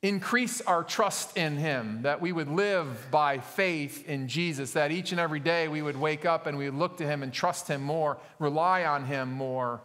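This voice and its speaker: A man's voice: fairly high pitch, moderate pace, hardly any pauses, a bit bright. A male pastor preaching a sermon in a conversational way, with frequent fillers and self-corrections, recorded in a church sanctuary. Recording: long church hall reverb.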